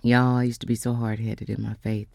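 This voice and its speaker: A woman telling a faith testimony in a casual storytelling way, slowing down and dropping to whispers for emphasis. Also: very deep voice, flat delivery, gravelly, darkish tone, no echo, studio quality. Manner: storytelling, acts out quoted voices; slows down for emphasis, drops to whispers. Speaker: speaker giving a testimony.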